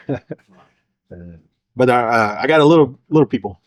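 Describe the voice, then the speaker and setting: A man's voice: medium pitch, moderate pace, no echo. A middle-aged man from Oklahoma, a podcast guest telling stories in a casual, rambling way full of fillers. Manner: rambling, lots of uh and you know. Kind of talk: casual storytelling.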